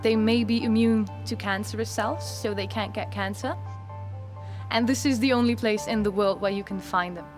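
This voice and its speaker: A woman's voice: mid-range voice, steady tone, normal speed. A woman speaking as an expert in a documentary interview. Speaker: cave salamander expert. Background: prominent background music.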